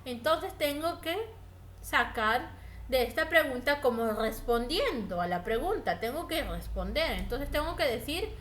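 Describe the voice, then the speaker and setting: A woman teacher giving a recorded reading lesson, speaking clearly and directly to her students. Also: high voice, animated, a bit bright. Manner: slow, clear, instructive, addresses students directly. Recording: echoey room with faint ambient noise.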